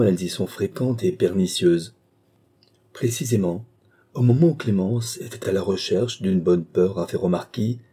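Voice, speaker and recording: A man narrating a classic novel in a steady, even storytelling manner. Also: fairly low pitch, husky. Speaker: audiobook narrator. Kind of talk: scripted literary narration.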